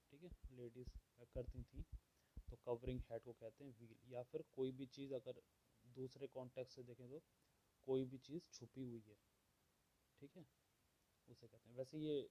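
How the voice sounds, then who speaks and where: A man teaching vocabulary, explaining words and listing their opposites at a steady pace, often checking in with "theek hai". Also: mid-range voice, rough recording. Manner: slow and measured, repeats "theek hai" often. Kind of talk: explaining word meanings.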